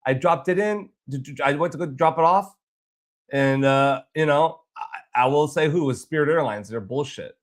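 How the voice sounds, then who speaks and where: A man's voice: on the high side, moderate pace. Aggrieved man telling his travel story. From Boston. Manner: rambling, aggrieved, frequent restarts. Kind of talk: casual storytelling vlog.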